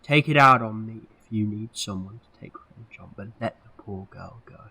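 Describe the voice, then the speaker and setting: A man's voice: on the low side, normal speed, vocal fry, pushed and bright, slightly rough, heavily acted. A man playing an eccentric, protective time-travelling hero in an amateur audio drama, earnest and theatrical in delivery. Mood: protective pleading.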